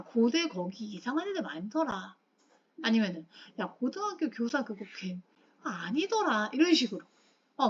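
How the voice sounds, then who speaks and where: Woman, teacher, chatty lecture, high voice, dull lo-fi recording. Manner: lively, chatty, checks understanding with students. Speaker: English teacher. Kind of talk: classroom lecture.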